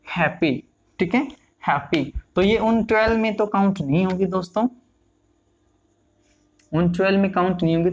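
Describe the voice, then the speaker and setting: A man, teaching English pronunciation, repeating example words slowly. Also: sits high. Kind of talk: classroom lesson.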